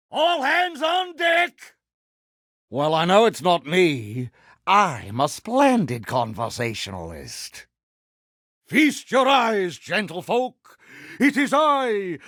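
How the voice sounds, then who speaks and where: Vain, theatrical pirate captain, Captain Hook. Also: male voice, sits high, a bit bright, no room sound, studio quality, heavily acted. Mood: boastful, commanding. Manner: pompous, theatrical, mock-genteel with pirate slang. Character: vain, pompous, villainous male pirate captain. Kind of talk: theatrical video game character lines.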